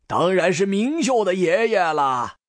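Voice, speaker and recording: A woman's voice: fairly low pitch, big pitch swings, a little slow, no room sound, studio quality, pitched below the performer's own voice. A woman voicing a kind, doting old grandfather in a storybook reading. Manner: warm, teasing, modest.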